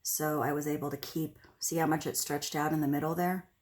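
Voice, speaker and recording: Woman with a lowish voice narrating crafts. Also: fairly even intonation, a little mellow. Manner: unhurried, talking through each step. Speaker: host of an acrylic pour painting tutorial. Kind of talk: casual craft demonstration, narrating as they work.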